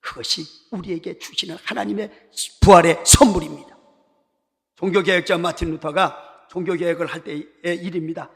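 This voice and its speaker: Emphatic high-voiced male pastor preaching. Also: fairly even intonation, normal speed, creaky. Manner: emphatic, repetitive exhortation. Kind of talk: sermon. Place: church sanctuary. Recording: reverberant church hall.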